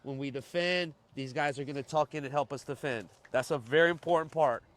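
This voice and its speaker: A man's voice: on the high side, fairly quick. A man coaching a soccer team in a pep talk, giving instructions, repeating key points and checking that players understand. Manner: checks understanding with short questions. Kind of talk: pre-game and halftime pep talk to a team.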